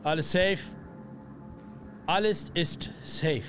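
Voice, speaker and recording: A young man commentating a horror game live, excitable and slangy, greeting viewers. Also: fairly high pitch, takes it slowly, soft background music. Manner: excitable, slangy, yelps at scares. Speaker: gaming streamer. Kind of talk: let's play commentary.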